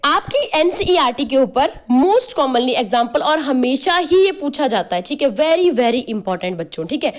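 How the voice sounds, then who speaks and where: A woman with a high, expressive voice, unhurried with few pauses, teaches a biology class online. She explains step by step, spells out terms letter by letter, uses playful memory tricks, and keeps checking students follow with "clear?" and "okay?".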